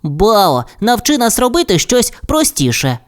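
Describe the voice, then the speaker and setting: A woman voicing a curious, clever little boy bunny in a children's audio fairy tale, with a bright, eager delivery. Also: mid-range voice, big pitch swings, measured pace, voice pushed up. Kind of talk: storybook character voice.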